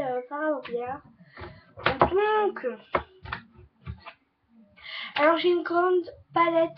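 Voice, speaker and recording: High-voiced teen girl chatting about makeup. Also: dull audio, noisy background. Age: teens. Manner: chatty, repeats "donc voilà" and "trop, trop bien". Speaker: beauty vlogger. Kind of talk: casual makeup review. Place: bedroom with a fan running.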